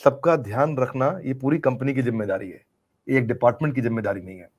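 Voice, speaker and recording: A man's voice: medium pitch, fast talker, a little mellow, muffled recording. A middle-aged man answering interview questions in an earnest, emphatic way, repeating key phrases for effect. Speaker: business coach being interviewed.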